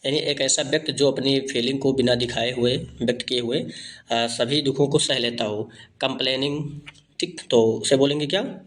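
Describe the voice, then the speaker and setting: A man teaching vocabulary for exams in Hindi, reading each phrase slowly, then explaining it and repeating the answer. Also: mid-range voice, fairly bright tone. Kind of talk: exam-prep lesson.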